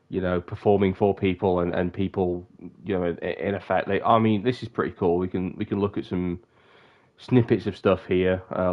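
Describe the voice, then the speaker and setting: With the highs cut off, a young man's low-sitting voice comes through stuffy and sniffly. He's rambling casually on a live stream and often breaks off mid-sentence.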